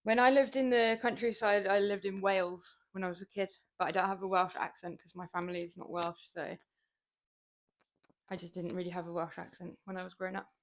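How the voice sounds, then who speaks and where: A fitness streamer, this young woman has a lowish voice, fairly even intonation and a fairly quick pace. She speaks with a southern English accent, being from southern England, and casually chats with her viewers as she lifts weights, rambling and laughing often.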